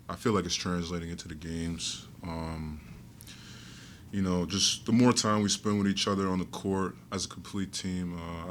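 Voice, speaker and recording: A young college basketball player answering postgame questions in a measured way, with many pauses and fillers. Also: male voice, sits low, slight background noise. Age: young adult. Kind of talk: postgame press conference answers.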